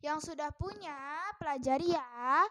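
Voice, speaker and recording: A woman's voice: sits high, unhurried, heavy background noise. A woman giving a casual lesson from a book, chatty and hesitant with many fillers. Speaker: self-taught language learner teaching viewers.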